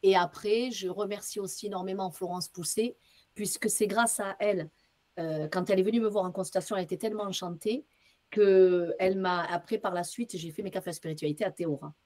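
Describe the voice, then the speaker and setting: Lively storytelling woman. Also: lowish voice. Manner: lively, acts out dialogue, casual slang. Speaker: medium, interview guest. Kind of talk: casual storytelling.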